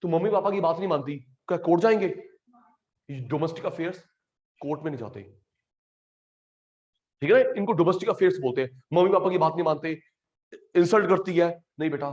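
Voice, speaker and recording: A man with an Indian accent teaching an online class, animated and teasing, mixing English terms into Hindi. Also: on the high side, fairly quick, pauses often, dull audio.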